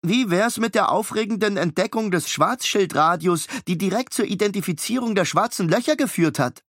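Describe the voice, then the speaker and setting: A man's voice: high-pitched, normal speed, a bit bright, no echo, clean studio sound, pitched above the performer's own voice. A man voicing a clever, fussy boy twin who talks in a precise, lecturing way. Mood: pleading.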